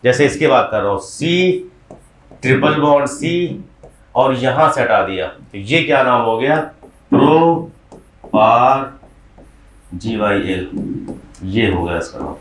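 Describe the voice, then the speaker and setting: A male teacher lecturing a class in a medium voice, breaking things down step by step and checking in with students through frequent questions. The sound is roomy, with a clear echo from the classroom walls. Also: mid-range voice, lively intonation, normal speed. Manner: explains step by step, often quizzing students. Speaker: chemistry teacher.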